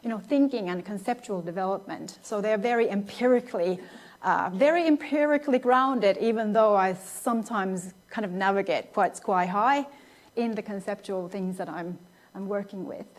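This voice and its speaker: A Finnish woman in her thirties, a guest lecturer speaking in a language other than her native Finnish, delivers a thoughtful academic talk full of restarts and fillers. Her voice is medium-pitched and her pace normal.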